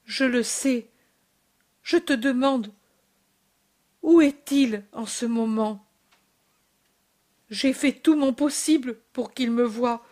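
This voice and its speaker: Woman voices anguished gentle mother, soft short phrases, slow, somewhat high voice.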